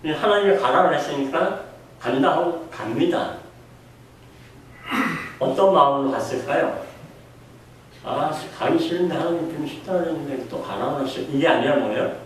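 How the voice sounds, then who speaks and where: Preacher in an echoey hall. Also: male voice, a little high, normal speed, long pauses, a little hiss or hum. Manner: asks the congregation questions and acts out quoted voices. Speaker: pastor. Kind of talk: sermon. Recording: echoey room heard from a distance.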